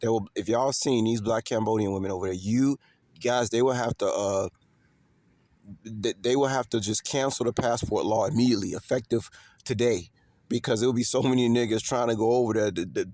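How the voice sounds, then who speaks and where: A vlogger from Chicago addresses viewers in an off-the-cuff monologue, his mid-range voice a little mellow and a little fast. There's no room sound, and his talk is emphatic, repetitive, and full of slang and profanity.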